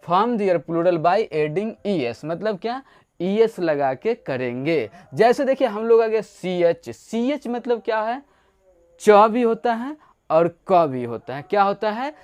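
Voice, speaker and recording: A man's high-sitting, slightly mellow voice leads an English grammar lesson, full of playful explanation, acted-out little stories and rhetorical questions.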